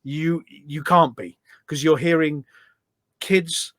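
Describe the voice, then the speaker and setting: A British man, a charity event organiser, is a guest on a podcast, chatting casually and telling stories with enthusiasm and emphasis, often repeating phrases. His fairly high voice is a bit bright, with fairly even intonation and an unhurried pace. The studio-quality audio has no room sound.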